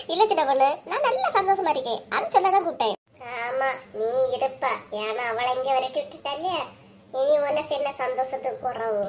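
A high, girlish-sounding village woman voiced by a woman for a cartoon, with a thick Kanyakumari Tamil accent. She gossips, scolds and teases her relatives in a quick, chatty way. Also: animated, a little hiss or hum. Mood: gleeful. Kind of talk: cartoon voice acting.

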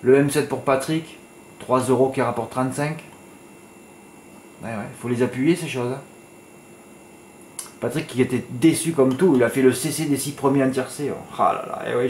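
A man's voice: mid-range voice, a little mellow, slight background noise. Chatty racing tipster man, echoey room. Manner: chatty, peppered with "hein", flares into exasperated ranting. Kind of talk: casual monologue to viewers.

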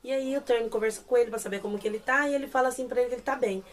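A woman's voice: a little high, racing. A young Brazilian woman with a Brazilian Portuguese accent, animatedly recapping and gushing over a series episode in casual chat. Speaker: series reviewer.

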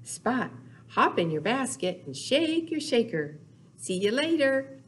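Seated before a wall in a small indoor room, an older woman presents storytime for small children. Her fairly high, slightly rough voice is sing-song and unhurried as she talks and reads aloud in short, simple phrases full of playful sound words.

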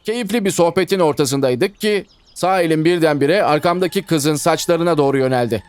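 A man narrating a first-person story in an expressive, animated way. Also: a little high, a little fast, clear, resonant tone, dry recording.

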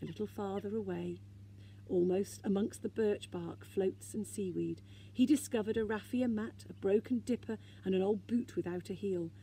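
A woman reading a children's story aloud in a gentle, expressive way. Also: medium pitch, normal speed, gravelly, slight background noise.

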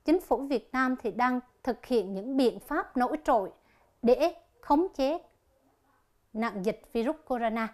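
A woman teaches an English lesson on television, with a voice that sits somewhat high. She works through each exercise in a slow, deliberate way and reads the answer options aloud one by one.

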